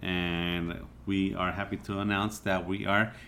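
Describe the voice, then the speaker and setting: A man's voice: sits low, little pitch movement, unhurried, creaky, pushed and bright, a little hiss or hum. A man hosting a casual podcast, talking in a loose, reflective way with lots of "you know" fillers. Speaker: podcast host.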